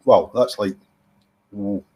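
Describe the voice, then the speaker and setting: A man's voice: lowish voice, takes it slowly, background noise. A Scottish man hosting a whisky tasting, talking in a chatty, teasing way and savouring his descriptions. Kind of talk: casual tasting commentary.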